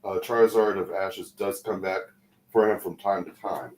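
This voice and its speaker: A man's voice: deep voice, fairly even intonation, normal speed. A man chatting casually as a co-host on a livestream. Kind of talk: casual chat about pop culture. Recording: echoey room with faint noise.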